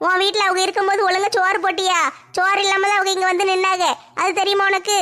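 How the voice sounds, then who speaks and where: A woman voicing a meek, put-upon young daughter-in-law in a comedy skit, slower and plaintive. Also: very high-pitched, completely flat delivery, sharp tone. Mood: defensive.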